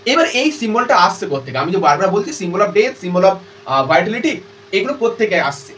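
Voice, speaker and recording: A man with a Bengali accent teaches a class. He has a high, light voice and reads lines of a play aloud before explaining them. He sits a little back from the mic, with faint noise behind him. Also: sing-song, normal speed, a bit bright, distant mic, poor audio. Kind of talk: lecture explaining an English play.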